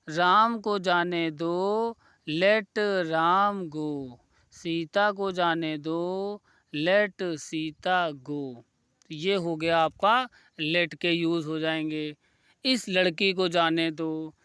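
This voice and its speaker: A man with a high, clear, resonant voice teaches a spoken English lesson. He drags out each example sentence slowly for dictation, then explains in brisk stretches between them. The sound is dry and close. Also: fairly bright tone, no room sound.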